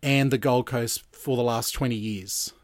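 A man's voice: medium pitch, steady tone, no room sound, studio quality. An Australian man in his forties from Queensland, chatting casually as a podcast guest, often restarting his sentences. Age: 40s. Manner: chatty, halting and self-interrupting. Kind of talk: casual chat.

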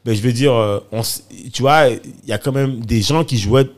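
A man with a mid-range voice talking in a relaxed group conversation. He rambles through his point, restarting his sentences and filling gaps with fillers. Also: medium pitch, normal speed. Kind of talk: casual conversation.

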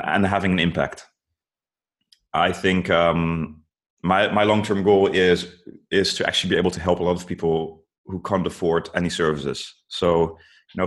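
A man's voice: deep voice, a bit bright. A man talking casually as an interview guest, earnestly giving advice and often saying "like" and "you know". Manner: says "like" and "you know" a lot.

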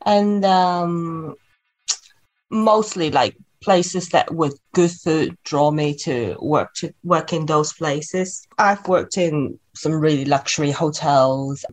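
A Hong Kong woman in her thirties, guesting on a podcast interview, speaks slowly in a low voice. She's chatty, with a Hong Kong accent and plenty of fillers and restarts.

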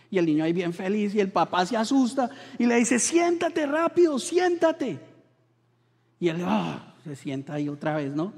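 A man from Colombia, a pastor preaching a sermon in church, telling stories with animated quoted voices. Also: high voice, long reverb tail.

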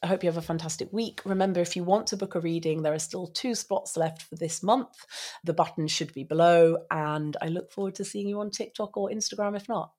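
Casting: woman, low register, stuffed-up nasal tone from hay fever, blunt and sweary personal-update delivery. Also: brisk, darkish tone. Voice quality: nasal, congested voice. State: congested from pollen allergies. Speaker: psychic reader and host. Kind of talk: personal update to followers, candid chat.

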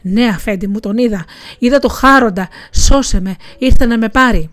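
A woman's voice: medium pitch, close to an everyday voice. A woman voicing a terrified male servant of a Persian lord, pleading and lamenting in a storybook tale.

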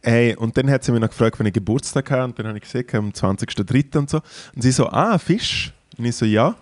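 A man's voice: mid-range voice, fast, no room sound. A man, co-hosting a casual podcast, telling an anecdote and acting out the quotes. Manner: animated storytelling, acts out quotes. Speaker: podcast co-host. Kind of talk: casual chat.

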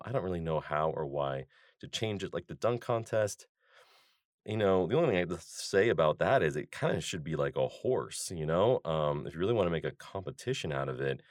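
A man's voice: extremely low pitch, dry recording, clean studio sound. A man hosting a podcast, talking through his ideas in a loose, rambling monologue full of fillers and restarts. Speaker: podcast host.

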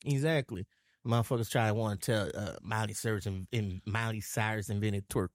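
A man from New Orleans telling animated, profane stories in casual podcast chat. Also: lowish voice, brisk, dry recording, clean studio sound.

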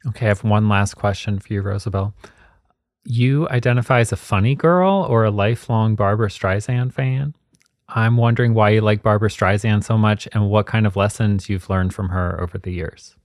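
A man hosting a podcast, asking an interview question and reading a measured scripted outro. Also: lowish voice, no echo, clean studio sound. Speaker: podcast host.

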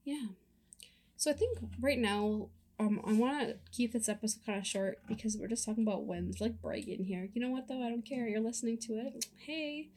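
A young woman co-hosting a podcast in casual chat, playful and chatty with quick asides. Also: a little high, darkish tone. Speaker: podcast co-host.

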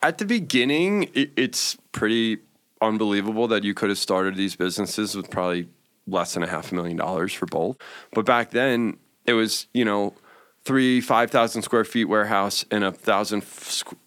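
Low-voiced man in his forties. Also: normal speed, a bit bright. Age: 40s. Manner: rambling, many fillers and restarts. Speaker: interview guest, cannabis business owner. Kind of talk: casual storytelling interview.

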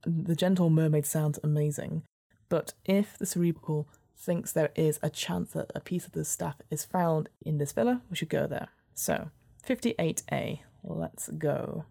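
Low, mellow woman narrator with creaky voice. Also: measured pace. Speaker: host and narrator of a solo gamebook. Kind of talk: storybook narration with casual asides.

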